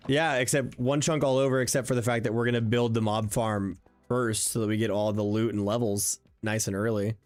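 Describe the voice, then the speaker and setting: A man's voice: lowish voice, fairly even intonation, a little fast, hardly any pauses. A young man thinking aloud while streaming a block-building game, chatty and full of fillers, answering viewers as he plays. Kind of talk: casual live-stream gameplay commentary. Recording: faint background music under the voice.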